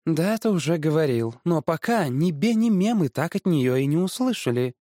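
A fussy, excitable middle-aged mother, quick to fret and to gush over a new idea, as a male storyteller voices her. The voice is raised well above his own and swings a lot. It is close and dry. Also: fairly high pitch, dry recording, pitched above the performer's own voice. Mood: dismissive. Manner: fussy, gushing.

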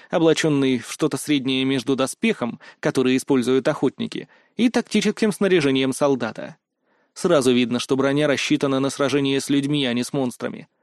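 Man with a fairly high voice narrating an audiobook. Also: darkish tone, no echo, studio quality. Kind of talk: first-person fantasy audiobook narration.

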